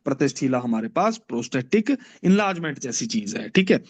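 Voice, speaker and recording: A man's voice: medium pitch, sing-song, fairly quick. A man teaching a lecture class, reciting classical verses and explaining them, asking questions and answering them himself. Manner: recites Sanskrit verses then explains in mixed Hindi and English. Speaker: Ayurveda teacher. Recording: dull lo-fi recording.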